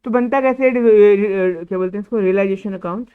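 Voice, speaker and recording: Man, accounting teacher, classroom lecture, asks and answers his own questions, smooth clear voice, thin phone-like sound. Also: high-pitched, a little fast. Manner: scolds a student. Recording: tinny, phone-like lecture recording.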